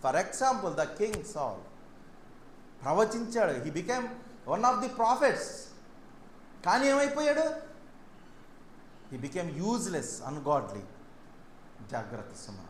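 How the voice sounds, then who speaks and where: High-voiced man preaching in an echoey room. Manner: preaching in Telugu mixed with English lines, sudden swings between loud and soft. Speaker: pastor. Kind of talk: sermon. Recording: echoey room with faint background noise.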